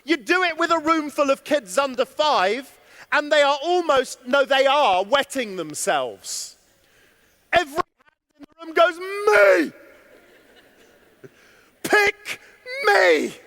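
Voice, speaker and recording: A man giving an animated conference keynote from a stage, chatting with and questioning his audience. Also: very high-pitched, measured pace. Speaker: keynote speaker. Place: stage in a large hall. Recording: long hall reverb.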